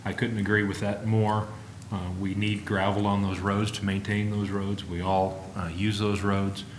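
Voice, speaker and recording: A man giving formal remarks as a commission member, with a halting delivery. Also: fairly low pitch, little pitch movement. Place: public meeting room. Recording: echoey room, faint background noise.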